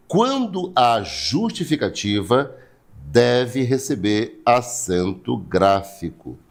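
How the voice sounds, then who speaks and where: A Brazilian man teaching an online writing class, repeating key points step by step and reading viewers' names. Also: mid-range voice. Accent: Brazilian Portuguese. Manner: repetitive, explains step by step, asks rhetorical questions; greets viewers by name, blesses them.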